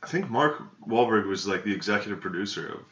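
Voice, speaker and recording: A man co-hosting a podcast, telling a story in a profane, laughing, casual way, recorded through a laptop at a low sample rate so he sounds tinny. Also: expressive, fast talker, sharp tone, roomy sound. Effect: low sample rate, tinny laptop audio. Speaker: podcast co-host. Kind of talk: casual chat. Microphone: laptop built-in mic.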